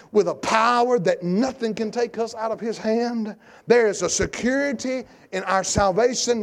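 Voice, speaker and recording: A man preaching a sermon in a church, his voice pitched high and full of gravelly fry. He swings from shouted declarations down to low, quiet asides, with a folksy, down-home way of talking. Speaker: pastor. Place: church sanctuary.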